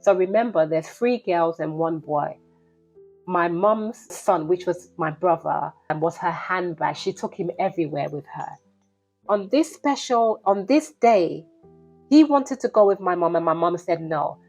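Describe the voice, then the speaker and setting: A woman's voice: lowish voice, expressive, a little slow, darkish tone, faint music behind, low-quality recording. A woman, telling a personal story to her vlog viewers in an earnest, direct way and calling them "guys". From Liberia. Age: 50s. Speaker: vlogger.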